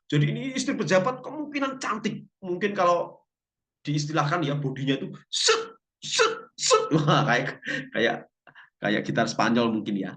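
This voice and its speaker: A man's voice: fairly high pitch, moderate pace. A man teaching a Bible language class, telling stories with jokes and asking the class questions. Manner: lively storytelling, asks class questions.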